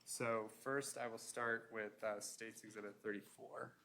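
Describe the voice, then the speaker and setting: A man questioning a witness as a prosecuting attorney in a courtroom, in a formal, procedural and halting way. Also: fairly low pitch, steady tone, pushed and bright. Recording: noisy courtroom pickup with room ambience.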